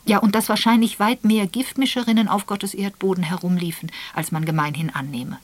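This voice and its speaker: A woman's voice: mid-range voice, steady tone, fairly quick, no room sound, pitched above the performer's own voice, close to an everyday voice. A woman voicing a young secretary who speaks in a raised, hesitant, apologetic way.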